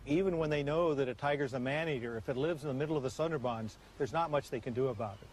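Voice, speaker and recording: Man interviewed amid loud background noise. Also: medium pitch, fast. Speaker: expert interviewee. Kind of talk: documentary interview commentary.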